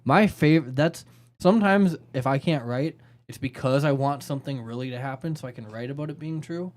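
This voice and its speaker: A man's voice: medium pitch, brisk, darkish tone. Joking, rambling podcast guy. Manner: loose, joking storyteller with frequent fillers. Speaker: podcast co-host and songwriter. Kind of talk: casual chat.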